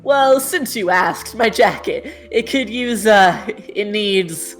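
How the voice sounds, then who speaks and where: A woman plays a male vagabond poet cat in a cartoon dub, florid and grandiose. He declaims at a slow pace over faint guitar. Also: medium pitch, expressive, pitched above the performer's own voice. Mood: breezy. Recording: guitar music behind.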